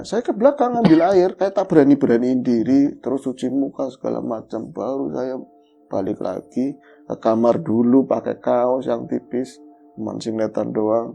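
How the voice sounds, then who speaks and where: A man telling a true horror story in casual chat, animated as he acts out his own calls and growls. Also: medium pitch, creaky. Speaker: guest storyteller.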